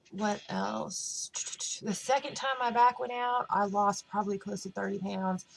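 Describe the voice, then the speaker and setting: A woman's voice: medium pitch, low-quality recording. A woman vlogging in casual chat to camera, rambling with lots of fillers.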